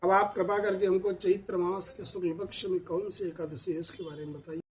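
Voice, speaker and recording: A man's voice: high voice, level tone, brisk, close to an everyday voice. A man voicing a humble, devout king. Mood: respectful. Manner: respectful asking.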